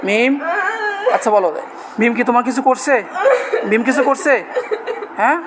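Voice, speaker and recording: Man doing an exorcism, real high voice, coaxing then yelling prayers, super noisy room. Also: normal speed. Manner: coaxing then shouting threats and Arabic prayers. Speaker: exorcist healer. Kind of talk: exorcism ritual, coaxing and reciting. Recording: loud background noise, live room.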